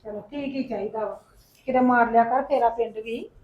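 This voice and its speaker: A woman's voice: on the high side, steady tone, a little fast, muffled recording, close to an everyday voice. A woman playing a visiting sister-in-law in a home-made family drama, coaxing and defensive as she argues over land. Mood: subdued. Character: pushy but placating aunt from the village.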